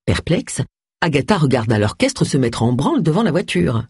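An audiobook narrator reading a novel in an expressive, varied way. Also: medium pitch, a little fast, husky, no echo, studio quality. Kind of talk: scripted narration.

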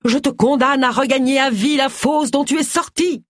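A woman voicing an amateur actress as the good fairy of a village pantomime, shrill and shrieking. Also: moderate pace, no room sound, studio quality, natural voice. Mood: solemn.

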